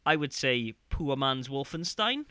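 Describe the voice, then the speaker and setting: A young man co-hosting a casual podcast, rambling and animated, slipping into mock voices to quote the game. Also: medium pitch, measured pace, clean tone, no echo. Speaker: podcast co-host.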